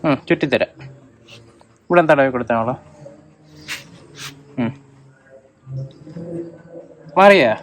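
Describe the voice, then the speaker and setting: A man's voice: medium pitch, animated, slow, pauses often, a little hiss or hum. A man in a casual home video, calling and soothing his dog in a coaxing, teasing way. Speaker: dog owner filming his pet.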